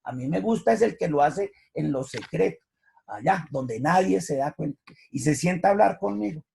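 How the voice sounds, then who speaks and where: Brief: male pastor doing God speaking quietly and gently, husky tone. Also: fairly high pitch, lively intonation, normal speed, exaggerated voice. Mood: gentle.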